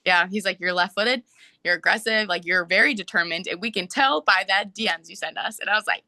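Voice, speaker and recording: A young woman and soccer player, a podcast guest, telling a story in casual, animated talk full of "like"s. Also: medium pitch, no echo. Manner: animated, fast storytelling with many "like"s.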